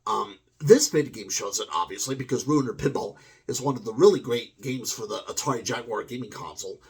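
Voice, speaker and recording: Man, game reviewer, husky breathy voice, meandering, lots of ums and restarts, middle pitch. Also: fairly quick. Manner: hesitant, meandering, many fillers and restarts. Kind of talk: rambling spoken review monologue.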